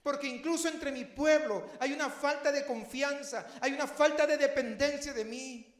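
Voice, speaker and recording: A man's voice: extremely high pitch, normal speed, roomy sound. A man preaching a heartfelt, personal sermon that builds to emphatic questions. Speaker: pastor.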